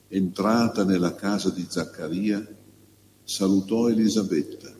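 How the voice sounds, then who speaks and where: A man, a priest, reading the gospel and preaching a homily in a slow, measured, pausing way. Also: on the low side, warm tone. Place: church. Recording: long church reverb, faint hum.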